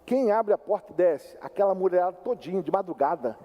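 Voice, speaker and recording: An older man preaching a sermon as pastor, telling a personal story in an animated, conversational way and speaking straight to the congregation. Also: high-pitched, a little fast, lo-fi sound. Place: church sanctuary. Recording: long church hall reverb.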